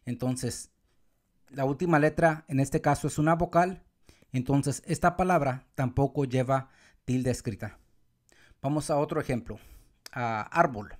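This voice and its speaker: A man teaching Spanish accent rules step by step, sometimes calling out words loudly to show where the stress falls. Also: mid-range voice. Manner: calls out words loudly to show the stressed syllable, counts syllables slowly. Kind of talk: explaining accent marks step by step.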